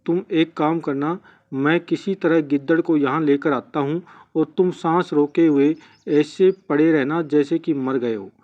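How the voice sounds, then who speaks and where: A man's voice: on the high side, a little slow, lightly acted. A man voicing a little earthworm, the crocodile's earnest friend who plots a trick, in a dull lo-fi recording.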